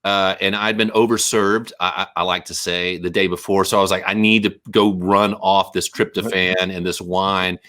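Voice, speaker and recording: A man's voice: deep voice, normal speed, few pauses. Rambling, jokey male musician guest. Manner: rambling, animated, jokey riffing. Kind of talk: casual interview chat.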